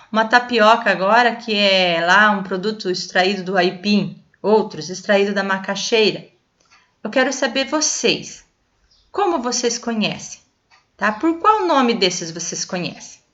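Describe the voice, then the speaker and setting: A Brazilian woman teaches children in a bright, forceful voice that rises and falls with lively animation. She explains patiently, checking often that her young listeners follow along. The recording sounds muffled and lo-fi. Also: on the high side. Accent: Brazilian Portuguese. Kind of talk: classroom lesson for children.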